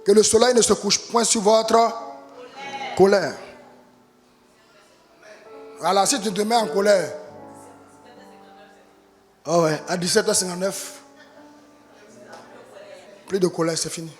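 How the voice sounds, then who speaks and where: Pastor guy preaching hard, high voice, big echoey church hall, soft music behind. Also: fairly even intonation, takes it slowly, pauses often. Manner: impassioned preaching, rising to shouts. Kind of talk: sermon.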